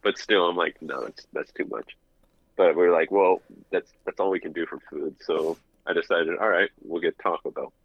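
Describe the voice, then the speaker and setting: Low-voiced guy on a dull phone line, rambling story, restarts his words. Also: normal speed, creaky, dry recording. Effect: phone call played back through the studio. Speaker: podcast co-host calling in. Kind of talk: casual podcast chat. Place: his apartment.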